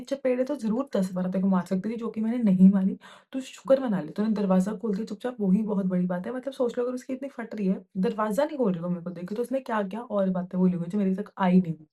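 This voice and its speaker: A young woman from India tells a story straight to camera in casual Hindi, switching into English phrases along the way. She sounds heated and indignant throughout. Her voice sits at a middle pitch with a mellow, soft tone. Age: young adult. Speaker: vlogger telling a storytime.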